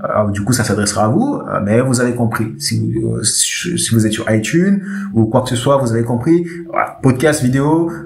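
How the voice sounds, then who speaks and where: A man hosting a casual podcast lesson on speaking well, addressing listeners directly. He talks in a lively way and often repeats himself for emphasis. His voice is mid-pitched, and the room gives it a noticeable echo. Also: a little fast, creaky. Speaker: eloquence coach, podcast host. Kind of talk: casual instructional talk. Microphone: podcast microphone.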